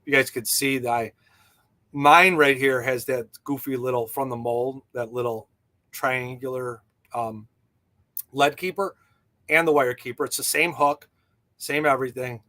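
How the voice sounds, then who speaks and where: Man, livestream host, casual chat, bright tense voice, lots of ums, enthusiastic, answers chat. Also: medium pitch. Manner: rambling, filler-heavy, enthusiastic; reads and answers viewer chat. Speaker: livestream host and jig designer.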